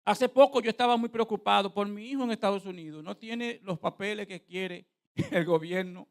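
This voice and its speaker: A middle-aged man preaching a sermon as pastor, telling a story in an animated way, dropping to quiet asides and rising to loud proclaiming. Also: high voice, moderate pace.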